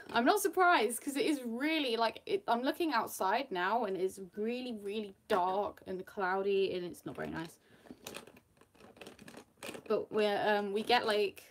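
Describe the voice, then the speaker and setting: An unhurried, medium-pitched woman's voice carries a casual get-ready-with-me chat as she does her makeup on camera. The young vlogger is from the UK, her British accent slightly Australian-tinged, and she rambles with fillers and little laughs.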